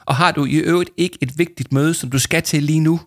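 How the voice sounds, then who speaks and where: A man's voice: fairly high pitch, steady tone, creaky, no echo, clean studio sound, voice pushed up. A man voicing a hesitant, polite schoolgirl in a storybook reading. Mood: earnest. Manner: hesitant, quick. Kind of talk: storybook character voice.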